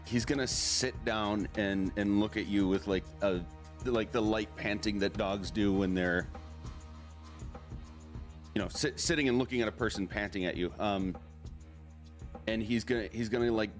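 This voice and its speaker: Slow, low-voiced man running a tabletop game. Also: steady tone, soft background music. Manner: slow, halting narration with many fillers. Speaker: game master.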